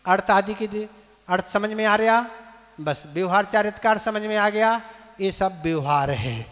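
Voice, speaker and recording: Slow high-voiced monk in a reverberant temple hall. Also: male voice, animated, fairly bright tone. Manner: slow, deliberate, breaks verse into syllables for listeners to repeat; asks the audience questions. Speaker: Jain monk teaching scripture. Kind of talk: scripture lesson, call-and-repeat recitation.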